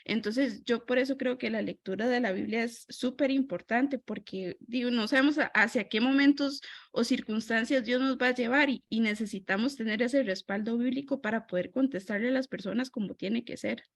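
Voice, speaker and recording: Costa Rican woman sharing in a church group, higher voice, conversational and dry. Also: normal speed, hardly any pauses, no echo. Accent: Costa Rican Spanish. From Costa Rica. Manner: chatty, frequent tag questions, self-corrections. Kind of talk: casual testimony in a Bible study group.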